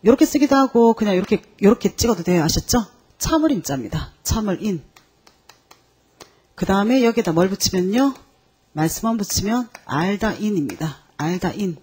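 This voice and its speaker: In a brisk, medium-pitched voice with a breathy edge, a woman delivers an exam-prep lesson on Chinese characters. Her manner is lively as she quizzes students and checks in with them over and over.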